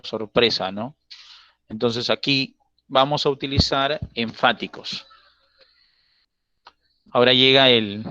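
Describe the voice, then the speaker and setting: Bright-voiced male teacher. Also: mid-range voice, no echo, muffled recording. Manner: explains patiently, checks often with tag questions. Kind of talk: online grammar class.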